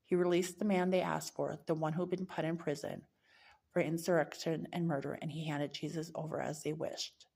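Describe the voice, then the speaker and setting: A woman's voice: sits low, flat delivery, a little fast, creaky, a little mellow, slightly rough. A woman reading a Bible chapter aloud, now and then stumbling and correcting herself mid-word. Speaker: scripture reader.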